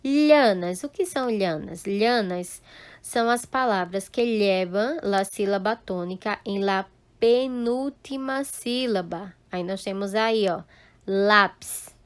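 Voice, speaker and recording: A woman's voice: medium pitch, slow pace, clean tone, dry recording. A woman teaching a recorded class, explaining step by step and checking often that the students follow. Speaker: Spanish teacher.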